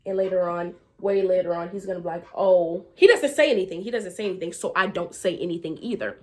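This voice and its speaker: Animated young woman telling a storytime. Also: fast. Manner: animated, acts out quotes with big pitch jumps and laughter. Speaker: vlogger. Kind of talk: casual storytime.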